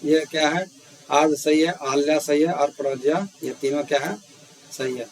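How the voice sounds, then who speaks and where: A man's voice: fairly high pitch, fairly even intonation, normal speed, rough recording. A man teaching grammar, reading out words and their answer options one by one, repeating each word as he goes. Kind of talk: spelling quiz walkthrough. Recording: faint hiss.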